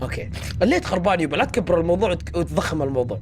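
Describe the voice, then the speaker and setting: A man reacting to horror clips, excitable and joking with shouted exclamations. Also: high-pitched, very fast, a little hiss or hum. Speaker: reaction video host.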